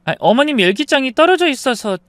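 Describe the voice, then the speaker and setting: A man's voice: extremely high pitch, big pitch swings, fast talker, a bit bright, no echo, clean studio sound, voice pushed up, heavily acted. A man putting on a sly lying daughter-in-law. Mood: evasive. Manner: evasive, feigned innocence.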